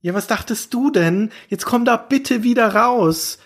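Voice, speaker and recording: A man's voice: extremely high pitch, measured pace, husky. A man hosting comedic scripted banter, playful and mock-exasperated. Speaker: host.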